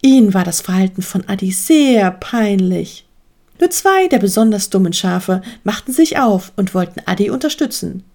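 A woman narrating a children's story aloud with expressive, lively delivery. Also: medium pitch, moderate pace.

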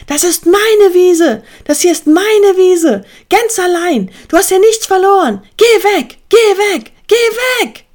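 A woman voicing a furious, territorial male sheep who shouts and rants shrilly. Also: fairly high pitch, very animated, moderate pace. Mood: raging.

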